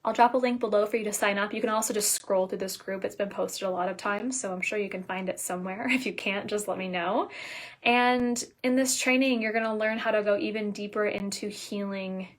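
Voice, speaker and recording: A woman coach giving a casual live talk, energetic and emphatic, dropping at times to soft, near-whispered lines. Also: mid-range voice, brisk. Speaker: business coach.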